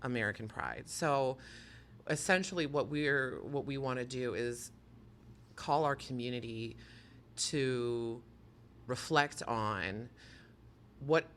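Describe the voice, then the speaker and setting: A man's voice: medium pitch, slow pace, pauses often, fairly bright tone, slight background noise. A man who organizes a pride festival, speaking passionately and emphatically as a podcast interview guest at a museum. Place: museum near a university campus.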